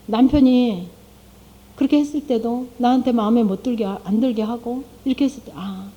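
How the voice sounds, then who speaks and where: A middle-aged woman speaks to a congregation as a lay speaker, pitched a little high with a deeply mellow, dark tone. She talks conversationally, tosses rhetorical questions to her listeners and voices her own prayers aloud. The recording sounds dull and lo-fi. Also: moderate pace. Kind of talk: church testimony talk.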